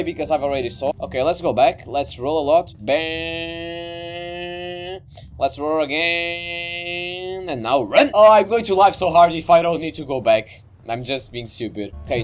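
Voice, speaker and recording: Young male game streamer, high-pitched and lively, jumpy and sweary, over faint game music. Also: lo-fi sound. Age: young adult. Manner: excitable, easily startled, swearing. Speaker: gaming video creator. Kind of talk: let's play game commentary.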